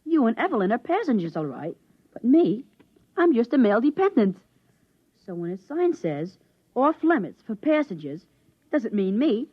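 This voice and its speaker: In a muffled 1950s radio broadcast, an actress plays a curious, stubborn thirteen-year-old boy in an old radio drama. Her voice is on the high side, husky and sing-song at a moderate pace, with a boyish, eager, wide-eyed, cheeky manner typical of 1950s radio acting.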